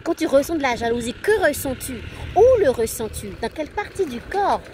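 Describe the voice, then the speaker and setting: Woman, thirties, high voice, very lively pitch, parenting coach, noisy background. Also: brisk. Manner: animated, acts out her children's voices. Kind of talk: casual talk to camera.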